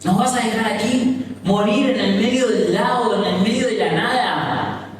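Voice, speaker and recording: A man voicing Peter, an impulsive adult fisherman shouting in alarm. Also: high-pitched, normal speed, a little hiss or hum, voice pushed up, lightly acted. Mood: panicked. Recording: echoey hall from far off.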